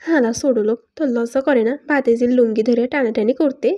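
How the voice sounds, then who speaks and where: A woman's voice: a little high, a little fast, warm tone, highs cut off, close to an everyday voice. A woman voicing a blustering, stingy young husband who trades curses in coarse village dialect in a read-aloud story. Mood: irritated. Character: cursing, stingy young man, newly married.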